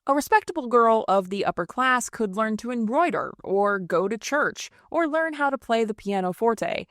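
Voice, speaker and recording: A woman's voice: fairly high pitch, animated, normal speed, a bit bright, dry recording, clean studio sound. A woman hosting a history podcast, reading scripted narration in a snarky, irreverent way.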